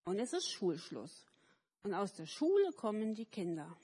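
A woman telling a story to children at a church service, lively and turning to ask them questions. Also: mid-range voice, moderate pace, slightly rough. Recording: echoey hall.

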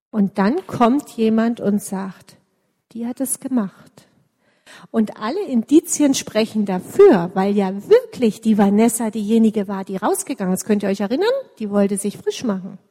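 A woman's voice: mid-range voice, a little slow. Woman telling a story in an echoey hall. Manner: lively, addresses children directly. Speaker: children's storyteller. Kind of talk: children's story in church.

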